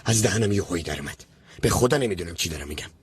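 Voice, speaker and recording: An actor playing a scheming, desperate uncle in debt who rambles and pushes others, in a dubbed TV drama. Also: male voice, deep voice, animated, slight background noise. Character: scheming, desperate middle-aged man. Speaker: uncle in debt chasing an inheritance.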